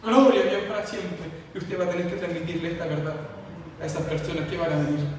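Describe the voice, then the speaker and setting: A man's voice: on the high side, fairly even intonation, fast. A male pastor preaching a fervent sermon, repeating phrases as his emphasis builds, heard in a church hall. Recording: echoey hall from far off, faint noise.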